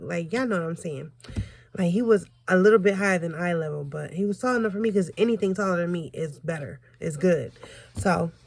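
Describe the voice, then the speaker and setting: A young woman telling a casual personal story in a conversational, profane, slangy way, acting out what people said as she goes. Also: medium pitch. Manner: acts out quoted dialogue. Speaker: storytelling vlogger.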